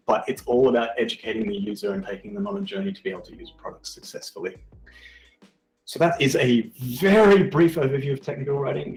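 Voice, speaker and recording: Male tech speaker, informal and explanatory, mid-pitched, roomy echoing sound. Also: darkish tone. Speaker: technical writer giving a talk.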